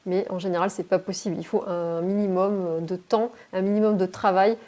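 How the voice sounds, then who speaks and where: A woman's voice: medium pitch, steady tone, a little fast, warm tone. A woman from France, an English teacher, talking to camera in an encouraging vlog and addressing her viewers directly, recorded on a phone. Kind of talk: motivational vlog talk to camera.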